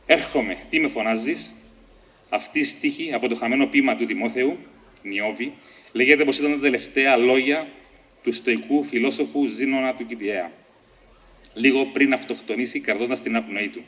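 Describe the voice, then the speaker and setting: Man reading his story aloud, measured. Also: mid-range voice, fairly bright tone. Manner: measured, deliberate reading with occasional slips and restarts. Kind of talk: reading a short story aloud at a book launch.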